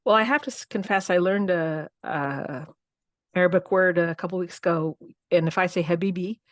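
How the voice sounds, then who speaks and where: A woman's voice: lowish voice, normal speed, dry recording, studio quality. A woman hosting a podcast, asking questions with curiosity and frequent restarts. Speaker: podcast host. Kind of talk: interviewing.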